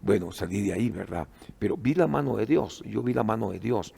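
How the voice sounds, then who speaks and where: A man's voice: lowish voice, animated, a little fast, gravelly, dark tone, husky. A middle-aged man with a Guatemalan accent, a pastor telling a testimony in an earnest conversational teaching style, with many fillers.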